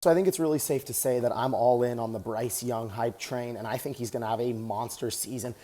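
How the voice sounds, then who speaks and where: A man's voice: mid-range voice, a little fast, mellow. An American man giving enthusiastic, casual sports commentary as a vlog host while working out on a treadmill. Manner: talking while exercising on a treadmill.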